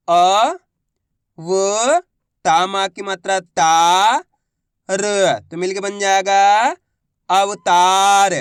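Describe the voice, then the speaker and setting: A man teaching a reading lesson. He sounds out words one syllable at a time and repeats each word slowly. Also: high voice, no room sound, studio quality.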